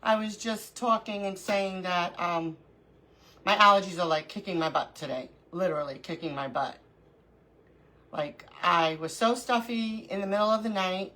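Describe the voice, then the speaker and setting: A middle-aged New York woman runs a relaxed crafting livestream from her home, greeting each viewer by name as she chats. Her lowish voice sounds bright and clear but stuffy with allergies, with occasional sniffles, at a normal speed on a rough recording.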